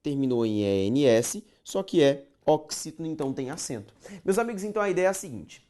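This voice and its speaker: A man's voice: fairly high pitch, animated, a little fast, dark tone. A man with a Brazilian accent teaching a grammar lesson. He is emphatic, repeats key points and asks rhetorical questions. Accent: Brazilian Portuguese.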